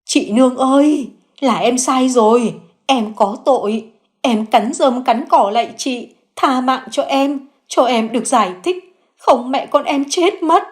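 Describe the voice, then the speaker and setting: A woman voicing a young mother caught in a lie, crying and begging forgiveness in a high, strained voice. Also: a little slow. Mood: sobbing pleas. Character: young mother caught lying, tearful, groveling.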